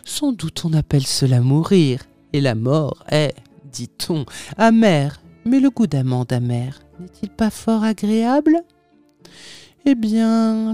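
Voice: medium pitch, mellow. A reader voicing a sly, mocking male tempter who speaks with unctuous, overly polite irony in an audiobook reading.

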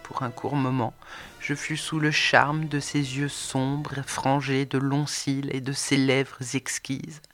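A woman narrating an audiobook in the first person, expressive, swinging between soft and emphatic delivery. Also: extremely low pitch, slow, faint music behind. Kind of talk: scripted narration.

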